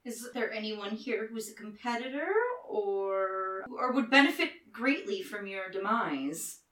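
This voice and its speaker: A woman's voice: medium pitch, expressive, unhurried, fairly bright tone, roomy sound, recorded from a distance, low-quality recording. A woman playing a tabletop role-playing game, laughing and playful as she voices her character. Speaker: player.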